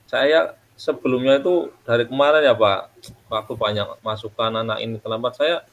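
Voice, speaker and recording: A man's voice: medium pitch, moderate pace, a bit bright, muffled recording. A man, a teacher in a coaching role-play, talking deferentially and thanking his colleague, with some hesitation.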